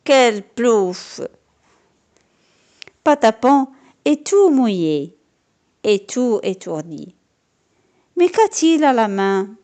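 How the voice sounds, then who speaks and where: A woman narrating a children's storybook aloud in a slow, expressive, lilting way. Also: fairly high pitch.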